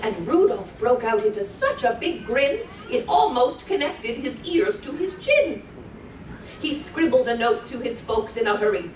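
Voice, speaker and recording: At a children's event in an indoor room on a cruise ship, a woman plays a cheerful, gentle Mrs. Claus, reading rhymed picture books aloud in a sing-song, encouraging way and adding chatty asides. Her voice is a little high, very animated, and a little slow, with a bright storytelling mood. The distant mic picks up roomy echo and faint noise.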